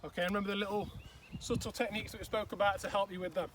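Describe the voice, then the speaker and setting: Out on the pitch, this male coach runs a football drill, his voice sitting high with a fairly bright tone and a rapid-fire, fairly even delivery. He teaches as he demonstrates, leaning heavily on "okay" and "all right," and gets winded now and then. Outdoor noise comes through on a far-off microphone.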